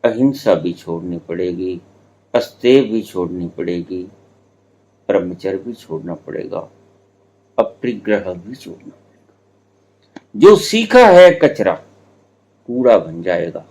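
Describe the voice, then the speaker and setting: A man in his seventies giving a spiritual discourse, telling stories slowly with drawn-out words and playful teasing. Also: sits low, sing-song, a little mellow. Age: 70s. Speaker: spiritual teacher.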